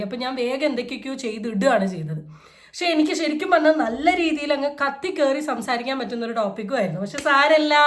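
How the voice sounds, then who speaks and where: High-voiced sarcastic woman vlogger. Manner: sarcastic, mocking, energetic. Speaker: vlogger hosting a reaction channel. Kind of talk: casual reaction commentary.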